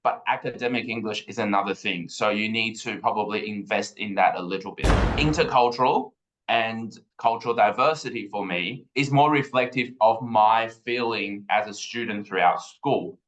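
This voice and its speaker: A man's voice: fairly low pitch, fairly bright tone, lo-fi sound. A man in his thirties from Taiwan, a guest educator talking thoughtfully in a podcast interview. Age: 30s. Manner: thoughtful, measured, with frequent ums.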